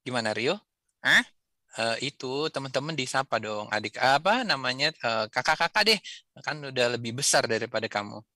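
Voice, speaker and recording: A man telling stories to children in a friendly, gently teasing way. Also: mid-range voice, lively intonation, normal speed, no echo, studio quality. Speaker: children's storyteller. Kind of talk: children's storytelling.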